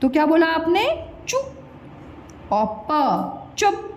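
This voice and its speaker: A woman teaches young pupils with a high, lively voice that climbs and dips through every word. She speaks slowly and patiently, breaking words into syllables and asking the children to say them back. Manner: drawn-out syllable-by-syllable pronunciation, questioning pupils; calls the listener "beta" (child). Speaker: primary school Hindi teacher. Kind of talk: slow spoken lesson for young children.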